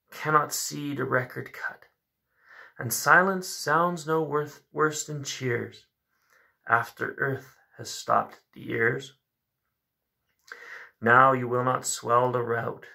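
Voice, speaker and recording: A man in his thirties hosts a poetry reading video, reciting poems and offering casual, reflective commentary. His medium-pitched voice is gravelly, bright and forceful. He's indoors in a small room at home with a bookshelf.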